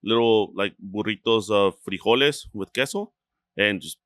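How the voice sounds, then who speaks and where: A man's voice: lowish voice, normal speed, fairly bright tone, no echo. A man from Chihuahua, Mexico, a restaurant co-owner talking casually as a podcast guest, rambling with lots of fillers and swearing freely.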